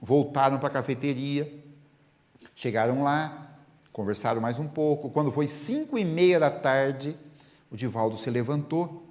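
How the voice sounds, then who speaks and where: A man giving a spiritist lecture, telling anecdotes in an animated way and acting out the dialogue. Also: medium pitch, unhurried, in a large hall. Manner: animated storytelling that acts out the dialogue. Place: lecture hall.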